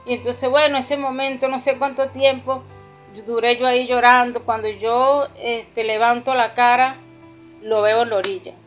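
A woman's voice: a little high, little pitch movement, moderate pace, faint music behind. A middle-aged woman with a Venezuelan accent giving an earnest, heartfelt personal testimony in church. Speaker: pastor's mother-in-law giving a testimony.

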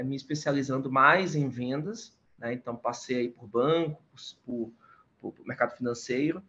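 Male guest, 30s, from Salvador, Brazil; slightly high, hesitant and chatty, dull lo-fi sound. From Salvador, Bahia, Brazil. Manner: hesitant, many fillers and restarts. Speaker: guest, startup competition lead. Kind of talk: casual interview conversation.

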